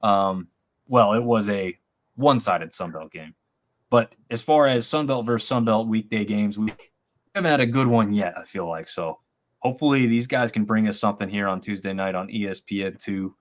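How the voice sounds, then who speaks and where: A man co-hosting a live sports chat stream, his voice sitting a little low. He rambles in an animated way, circling back and restarting his thoughts. He comes through a remote call setup. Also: moderate pace. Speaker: sports podcast co-host. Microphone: remote video-call stream.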